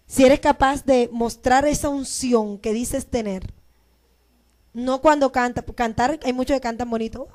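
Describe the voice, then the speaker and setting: A woman pastor preaching a sermon, moving between loud proclaiming and soft, emotional storytelling. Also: high voice. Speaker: pastor and teacher.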